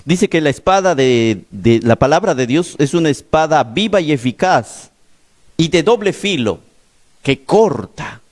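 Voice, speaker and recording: A man's voice: a little high, lively intonation, a little slow. Emphatic male pastor with sore throat. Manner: storytelling, urgent and emphatic. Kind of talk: sermon.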